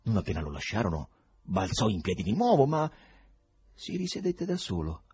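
Husky man narrating an audiobook. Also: on the low side, normal speed. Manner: expressive storytelling reading. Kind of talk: scripted narration.

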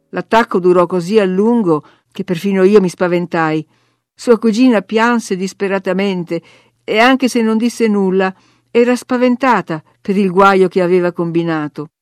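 A woman's voice: mid-range voice, a little mellow, dry recording, studio quality. Woman steadily reading a novel aloud. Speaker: audiobook narrator.

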